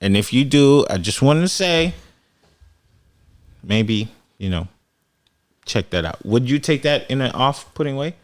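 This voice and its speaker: A man talking casually on a podcast with a lively, rising-and-falling voice. He tells stories and laughs often. His pitch sits in the middle. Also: measured pace, long pauses. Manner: animated storyteller, laughs often. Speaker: podcast co-host. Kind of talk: casual chat.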